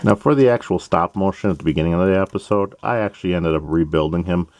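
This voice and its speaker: A man's voice: sits low, quick pace, darkish tone. A man hosting a toy-building show, explaining each step of a build in a chatty, plain way with playful asides. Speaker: host of a toy-building channel. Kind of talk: casual step-by-step build tutorial.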